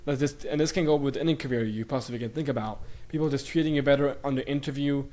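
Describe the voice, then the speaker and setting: A man's voice: mid-range voice, fast, darkish tone. A young man from Bulgaria who grew up in Sweden, talking as a guest in a casual interview, rambling with many fillers and restarts. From Bulgaria, raised in Sweden.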